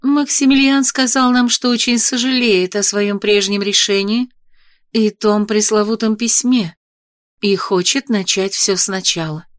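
A woman reading an audiobook, voicing a noble mother who speaks in a measured, formal, gently reproving way. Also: medium pitch, steady tone, dry recording, clean studio sound, natural voice. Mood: thoughtful. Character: noble mother, gentle but stern lady. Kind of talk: audiobook character voice.

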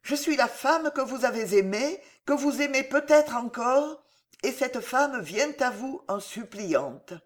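A woman's voice: high voice, expressive, a little slow, pitched above the performer's own voice. A narrator voicing a young noblewoman who pleads, trembling and desperate, in an audiobook reading. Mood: desperate pleading. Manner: pleading, tremulous.

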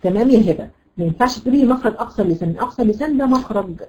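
A woman with an Egyptian accent teaching a Quran recitation lesson, explaining patiently, repeating words and checking understanding with quick questions. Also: on the high side, lively intonation, dark tone, highs cut off. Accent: Egyptian Arabic. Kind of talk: classroom lesson.

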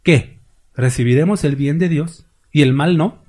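A man's voice: fairly high pitch, a little slow, darkish tone, slightly rough. A man preaching a conversational sermon, acting out little scenes and asking rhetorical questions.

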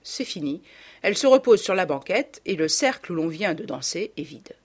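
A woman reading a literary novel aloud as an expressive audiobook narration. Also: lowish voice, moderate pace, husky. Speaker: audiobook reader.

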